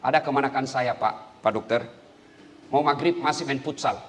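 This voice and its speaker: A man preaching a humorous sermon with an Indonesian accent, swinging between loud, high exclamations and low, murmured prayers. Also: moderate pace, a little hiss or hum.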